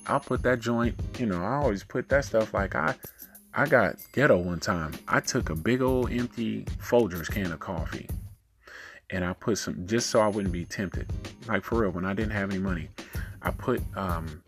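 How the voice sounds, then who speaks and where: Low-voiced man giving laid-back advice. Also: moderate pace, faint music behind. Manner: monotone, laid-back and colloquial. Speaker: host of a self-help talk show. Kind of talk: casual motivational advice talk.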